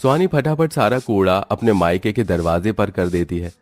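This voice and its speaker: A man narrating a cartoon story in a steady, plain storytelling voice. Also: lowish voice, moderate pace, dry recording.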